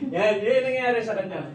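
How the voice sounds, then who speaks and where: A man with a Filipino accent giving a business opportunity presentation, telling stories in a chatty way and joking often. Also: high-pitched. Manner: chatty storytelling, jokes and laughs often. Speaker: network marketing presenter. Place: presentation room. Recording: echoey room, distant mic, background noise.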